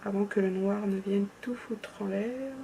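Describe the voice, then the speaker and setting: A woman's voice: mid-range voice, fairly even intonation, a little slow, dark tone, a little hiss or hum. A young woman from France chatting casually through a makeup tutorial, often trailing off into murmurs. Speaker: beauty vlogger.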